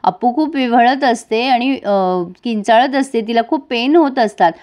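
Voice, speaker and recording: A woman's voice: on the high side, normal speed, a little mellow. A woman narrating a soap-opera episode recap, chatting directly to her viewers.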